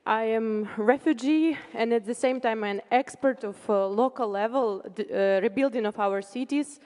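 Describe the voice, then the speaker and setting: A woman from Ukraine speaks from the audience in an earnest, halting way, with grammar. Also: on the high side, darkish tone. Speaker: audience member. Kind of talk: audience question at a panel. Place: large hall with an audience. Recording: reverberant hall.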